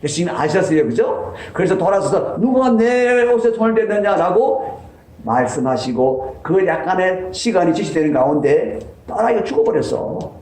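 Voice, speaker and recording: Male pastor, sermon, emphatic repetition, lively swooping pitch, fairly high voice, roomy echo. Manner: emphatic, repeats key lines, voice swings up for stress. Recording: echoey church sanctuary.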